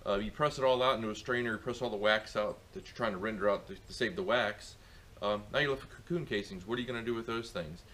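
A middle-aged beekeeper with a lowish, slightly bright voice talks quickly through a casual outdoor how-to, rambling with plenty of fillers and restarts. He's recorded on a camera mic in a farmyard.

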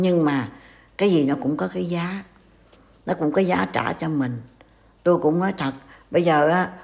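A woman's voice: deep voice, vocal fry, a little mellow. An older woman from Vietnam with a Southern Vietnamese accent, scolding and warning in a casual online talk. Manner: scolding, reproachful. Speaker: commentator.

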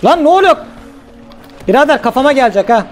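A man hosting a gaming channel, giving casual let's-play commentary in an excitable way, often swearing and yelling at the game. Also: extremely high pitch, fast talker, faint music behind.

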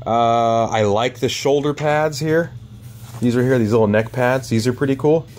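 In this casual walkaround, an RC hobbyist rambles through a flying wing kit, saying um often while handling the parts. His voice is mid-range and darkish at a moderate pace, with a little hiss or hum in the audio.

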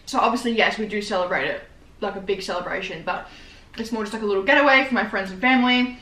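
A nineteen-year-old Australian woman chats in a rambling, slangy, informal way while eating for a mukbang vlog, filmed in a small indoor living room with a roomy echo. Her mid-range voice is bright and forceful, and she talks quickly.

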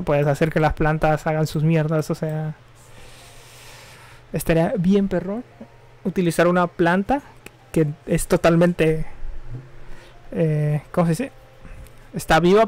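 Young man, slightly high voice, offhand slangy rambling, live game stream chat. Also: moderate pace, long pauses, darkish tone. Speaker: gaming streamer. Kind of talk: casual live-stream chat while gaming.

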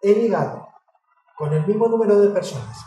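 A woman, talking in a casual interview. She speaks frankly, swears and gets animated when she tells stories. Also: medium pitch, brisk, lo-fi sound. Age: 50s. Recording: roomy, distant mic with music behind.

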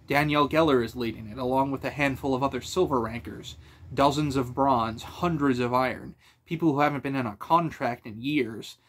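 A man voicing a calm, measured adventurer leader in an audiobook reading. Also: medium pitch, natural voice. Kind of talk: audiobook character voice.

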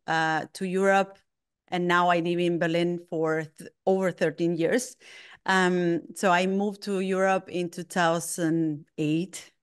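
Interviewed as a guest, a middle-aged Argentine lettering artist speaks in her native Spanish accent, pondering her answers with frequent ums and restarts. Her voice is fairly low and smooth.

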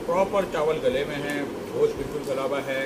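A man talks through a mouthful of food, chewing as he chats eagerly about his meal. His voice sits a little higher than most men's. Loud background noise runs under him throughout. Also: fast talker, distant mic. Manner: chatty, enthusiastic food reviewing. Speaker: vlogger. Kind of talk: casual food vlog.

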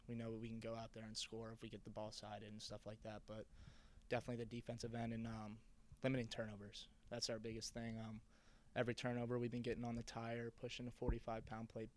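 A college basketball player in his twenties, giving relaxed post-game answers into a handheld mic in an indoor hallway. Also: fairly low pitch, brisk. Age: 20s. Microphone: handheld microphone held by interviewer.

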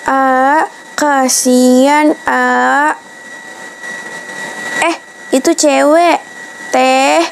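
A woman voicing a beggar in a toy-world game story, pleading slowly with drawn-out words. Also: sits high, slight background noise, full character voice. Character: pitiful begging beggar woman, drawn-out pleas.

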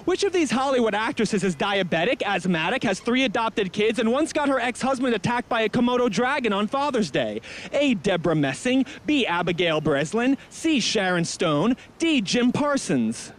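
A young man hosting a loud comic street quiz show, brash and mocking, talking into a handheld mic on a busy city street. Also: high-pitched, big pitch swings. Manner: brash, mocking, rapid-fire. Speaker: street game show host. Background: traffic and street ambience.

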